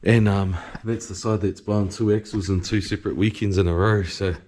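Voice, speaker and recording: A man's voice: fairly low pitch, steady tone, normal speed, darkish tone, slight background noise. A man with a broad New Zealand accent giving a casual, slangy, sweary video diary in a laid-back way. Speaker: vlogger and drift car driver.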